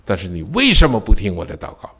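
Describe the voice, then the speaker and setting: Older male pastor, wildly expressive pitch. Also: quick pace, vocal fry, slightly rough. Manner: emotional storytelling with sudden loud and soft swings; rhetorical asides to the congregation. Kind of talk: sermon with personal testimony.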